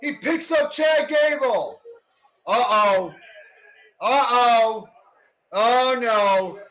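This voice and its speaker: A man working as a wrestling commentator, calling live play-by-play in an excited, exclaiming manner over a stream. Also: extremely high pitch, extremely slow. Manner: excited, exclaiming, shouting at big moves. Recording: dull lo-fi online stream audio.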